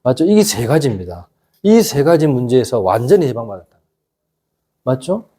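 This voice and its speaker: A middle-aged pastor preaching a casual youth sermon, constantly asking the congregation whether they agree. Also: male voice, medium pitch, very animated, moderate pace, warm tone, breathy edge. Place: church youth service.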